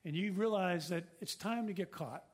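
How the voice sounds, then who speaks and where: A man with a notably high voice delivers a sermon from the pulpit. He speaks earnestly, circling back to his points and posing questions to the room. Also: normal speed, husky. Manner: earnest, repetitive preaching with rhetorical questions. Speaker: pastor.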